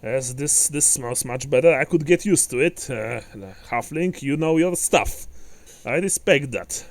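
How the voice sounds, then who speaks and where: Man doing a crude cigar-smoking tough, blunt, a bit raised and loud. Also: mid-range voice, a little slow, dry recording, natural voice. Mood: satisfied.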